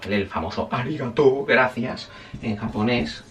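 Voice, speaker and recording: A man's voice: mid-range voice, moderate pace, a bit bright, far from the mic, a little hiss or hum. A man teaching a casual spoken language lesson, chatty and self-correcting, often checking in with his listeners.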